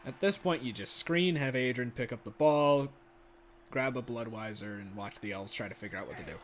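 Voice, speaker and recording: A man's voice: medium pitch, brisk, a little hiss or hum. Chatty man commentating a game. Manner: chatty, excitable, laughs often. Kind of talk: casual play-by-play commentary. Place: home room.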